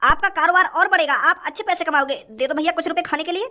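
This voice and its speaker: A man's voice: extremely high pitch, quick pace, bright, forceful tone, exaggerated voice. A man voicing a hungry young male beggar who whines and pleads for money in a cartoon. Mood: pleading. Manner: whining, begging.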